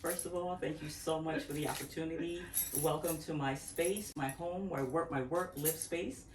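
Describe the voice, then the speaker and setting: A woman in her fifties from Barbados talks reflectively at her home, drifting through restarts and asides. Her voice sits low, and she is recorded from a distance in an echoey room with faint background noise. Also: fairly even intonation, normal speed. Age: 50s. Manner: reflective, rambling with restarts and laughs. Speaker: interview guest, natural hair care practitioner. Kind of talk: casual interview talk. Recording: echoey room, far from the mic.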